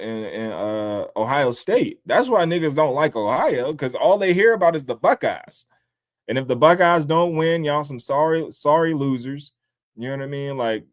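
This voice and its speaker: Profane, animated man on a livestream. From born in upstate New York, raised in the DC area. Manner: loose, profane and animated, mocking voices in high squeals. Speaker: livestream host. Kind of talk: casual livestream commentary. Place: home in Columbus, Ohio.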